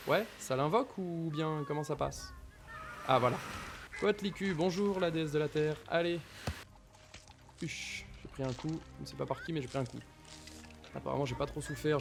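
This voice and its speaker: A gaming YouTuber talks casually over his Minecraft playthrough, addressing both the mobs and his viewers. His voice is slightly high and creaky, and when things get tense he keeps repeating nervous exclamations.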